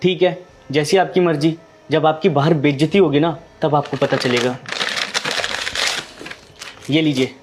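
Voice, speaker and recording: A man's voice: fairly high pitch, fairly even intonation, a little slow, long pauses, noisy background. A man playing a shopkeeper and later a worried husband in a short social-message skit, by turns dismissive and pleading. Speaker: chemist, later patient's husband.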